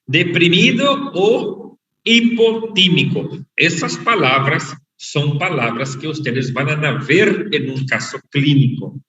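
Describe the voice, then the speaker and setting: A man lecturing a medical class, explaining terms slowly and repeating the key words. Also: a little high, expressive, bright, forceful tone, slight background noise. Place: online class. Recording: echoey, dull, far from the mic over an unstable online connection.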